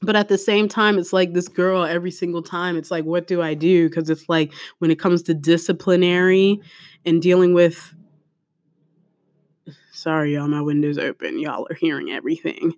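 A podcast host who teaches at a public school in Korea tells a story from class in a casual, animated way. The speaker often acts out what was said in class. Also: medium pitch, normal speed, dry recording. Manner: animated, chatty, quotes herself in class. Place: room with a window open.

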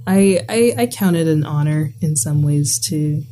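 A young woman from the Bahamas, a college student appearing as a guest, chats casually in a low, unhurried, mellow voice. There's slight background noise, and she fills her speech with "like."

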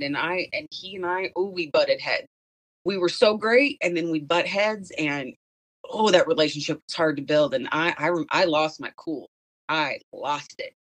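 Woman guest, lower voice, animated storytelling, laughs a lot. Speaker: guest, former school principal. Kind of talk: casual conversation.

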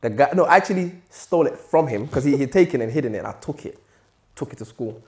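A man's voice: medium pitch, lively intonation, quick pace, darkish tone. A young man with a London accent chatting casually and animatedly in laddish street slang. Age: young adult. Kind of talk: casual chat.

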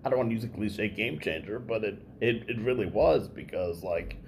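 A man's voice: fairly low pitch, moderate pace, darkish tone, a little hiss or hum. A man hosting a podcast interview, speaking with a heavy stutter, repeated sounds and many fillers. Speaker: podcast host. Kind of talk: conversational interview.

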